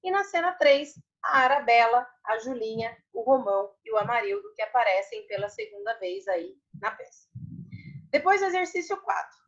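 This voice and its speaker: A woman's voice: fairly high pitch, animated, moderate pace. Brazilian lady teacher going over answers, patient, says "né" a lot, kinda muffled. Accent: Brazilian Portuguese. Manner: patient, repeats words, many tag questions. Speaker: primary school Portuguese teacher. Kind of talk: online class explanation.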